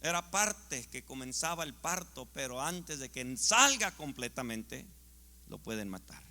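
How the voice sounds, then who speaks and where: A male pastor preaching a sermon with passion, swinging from loud to hushed. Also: medium pitch, sing-song, measured pace, long reverb tail. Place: church sanctuary.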